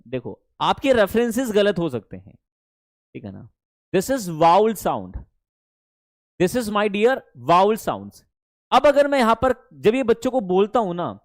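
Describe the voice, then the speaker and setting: A man's voice: high voice, no room sound. A man with an Indian accent teaching a spoken English lesson online, coaxing his students and often checking that they follow. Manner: animated, coaxing, repeats "ठीक है ना?".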